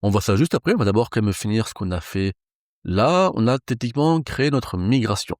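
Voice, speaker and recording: A man's voice: on the low side, lively intonation, a little fast, a little mellow, no room sound, clean studio sound. A man teaching a live coding lesson, thinking aloud in a casual way with frequent fillers. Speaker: programming instructor.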